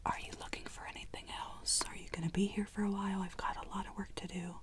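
A young woman playing a rude, condescending librarian in a whispered role-play, speaking in a breathy, curt, hushed whisper. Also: medium pitch, little pitch movement, quick pace, close to an everyday voice. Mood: condescending, impatient.

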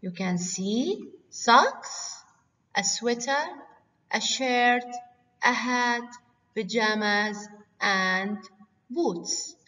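Very slow woman teaching small children, echoey. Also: fairly high pitch, sharp tone. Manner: slow, simple teacher talk as if reading to a toddler, asking and answering. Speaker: English teacher. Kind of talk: lesson for young children. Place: classroom, standing at a whiteboard, far camera at first. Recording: echoey hall, distant mic.

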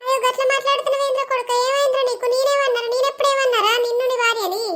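Cartoon old grandmother , woman actor, Telangana accent, very high, rapid, repetitive complainer. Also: level tone, a bit bright. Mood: pleading. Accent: Telangana Telugu. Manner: complaining, repeats herself. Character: old village grandmother, wronged and pleading. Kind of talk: cartoon comedy voice acting.

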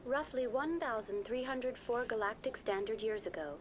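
A woman voicing a calm, polite female virtual guide program with a smooth synthetic android-like voice and an even, courteous delivery. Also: on the high side, normal speed, slight background noise. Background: game music.

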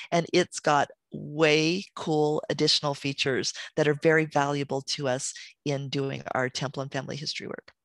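A woman's voice: low-pitched, no echo. A woman teaching a beginner family history class, enthusiastic and friendly, her voice worn from talking. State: losing her voice.

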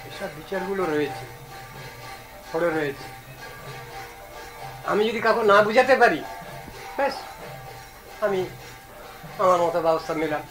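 A man giving an earnest devotional discourse, reasoning aloud and reciting verses slowly. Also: high voice, fairly bright tone, rough recording. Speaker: religious speaker.

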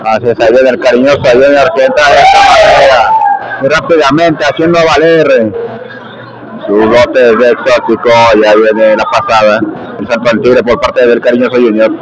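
Male Mexican wrestling commentator, medium pitch, live lucha libre play-by-play in a very noisy gymnasium. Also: steady tone, moderate pace. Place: indoor wrestling gym with audience. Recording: noisy gymnasium, loud crowd behind.

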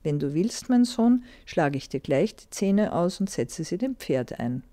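A mysterious old woman in a storybook tale speaks with calm amusement, voiced by a woman reading aloud. The voice is dark and mellow, never harsh. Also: lowish voice, a little slow. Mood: teasing. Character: mysterious old woman guarding a mountain path.

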